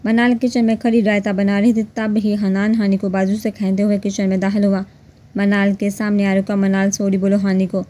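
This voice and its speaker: A woman narrating a romance novel in a steady, even reading voice. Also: mid-range voice, fairly quick. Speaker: storyteller.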